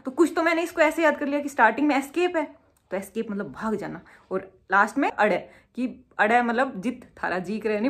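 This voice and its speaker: A young woman gives casual, self-mocking exam study tips, full of homely memory tricks. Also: a little high. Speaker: exam prep tutor.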